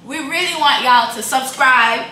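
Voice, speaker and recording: Laid-back young woman, high voice, echoey room. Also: a little slow, bright, forceful tone, distant mic. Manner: laid-back, slangy, draws out words. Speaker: vlog co-host. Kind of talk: casual chat. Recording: echoey room, off-mic, background noise.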